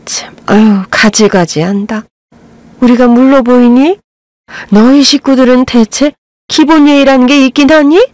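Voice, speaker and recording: Shrill, sneering middle-aged mother-in-law, voiced by a woman, scolding, raised pitch, dry close sound. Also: fairly even intonation, a little slow, a little mellow, no room sound.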